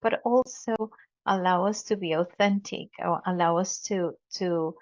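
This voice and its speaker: A woman's voice: lowish voice, a little slow. A woman hosting a podcast interview, giving a formal, effusive introduction. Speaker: podcast host. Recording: dull lo-fi audio.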